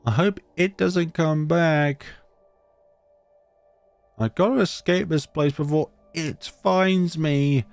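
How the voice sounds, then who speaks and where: A man voicing a timid, soft-hearted young girl in a horror video game, anxious and coaxing. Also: fairly high pitch, slow pace, gravelly, long pauses, faint music behind, voice pushed up.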